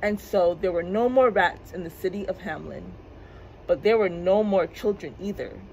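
A woman librarian reading a storybook aloud for children's story time with clear, expressive delivery. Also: on the low side, moderate pace, slight background noise, rough recording. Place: public library.

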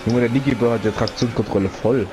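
A man's voice: mid-range voice, fairly even intonation, fast, noisy background. A man in casual gaming voice chat, reacting with slangy exclamations. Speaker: online racing gamer.

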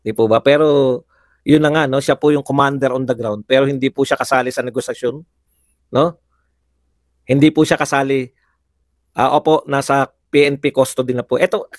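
A man's voice: medium pitch, dry recording, clean studio sound. A man hosting a live political commentary show, chatty, laughing often and firing rhetorical questions at viewers.

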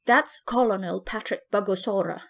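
A woman voicing a hard male soldier in an audiobook, curt and cold. He gives orders in a flat, stern tone with a slightly lowered voice. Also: moderate pace, creaky.

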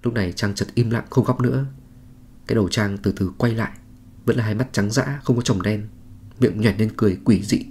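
A man's voice: on the low side, brisk, vocal fry, darkish tone, slight background noise. A man reading a scripted horror story in a dramatic, suspenseful manner. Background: faint music.

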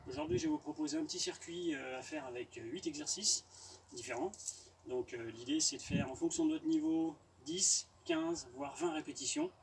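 Distant male fitness coach, highish voice. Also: moderate pace. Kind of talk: workout instruction, explaining and counting reps. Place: outdoor garden terrace. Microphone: distant camera. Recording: outdoors from far off, noisy.

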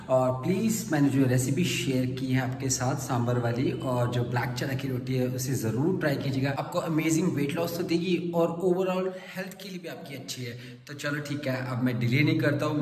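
Guy vlogging while he cooks, chatty and in a hurry, mellow voice, roomy kitchen sound. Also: medium pitch. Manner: chatty and hurried, apologizes for rushing. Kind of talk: casual cooking vlog. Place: home kitchen. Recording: roomy, slightly dull home recording.

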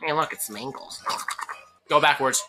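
A woman's voice: sits low, unhurried, bright, forceful tone, a little hiss or hum. A woman doing goofy let's-play commentary on a game, rambling jokes and laughing often. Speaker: gameplay YouTuber.

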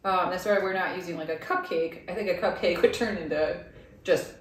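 A woman co-hosting a home cooking show, chatting casually about a recipe, bubbly and quick to laugh, recorded in a kitchen. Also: fairly low pitch. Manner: bubbly, laughs often, playful. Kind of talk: casual cooking demo chat. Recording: very echoey room, mic far off.

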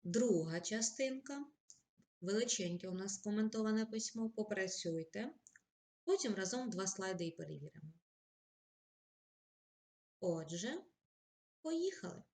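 A woman teacher giving a recorded grammar lesson, explaining rules plainly and reading example lines slowly and with feeling. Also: mid-range voice, animated, darkish tone. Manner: direct, addresses pupils with polite requests.

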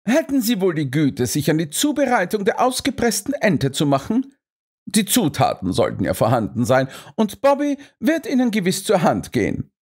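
Man doing a calm Victorian detective, ironic, precise, high lively reading voice. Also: moderate pace, husky, exaggerated voice. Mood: polite, ironic. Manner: polite, ironic, coolly precise. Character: shrewd male Victorian detective, calm and cutting. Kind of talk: audiobook character reading.

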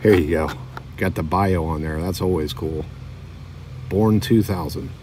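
A middle-aged man with a low voice talks through his toy car finds in a relaxed, chatty way. He sits outdoors, a bit far from the camera mic, with wind rushing behind him. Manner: relaxed, chatty, reads card backs aloud. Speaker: diecast collector vlogger. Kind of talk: casual show-and-tell narration. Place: outdoor table by a lake on a windy day. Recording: distant mic with wind noise.

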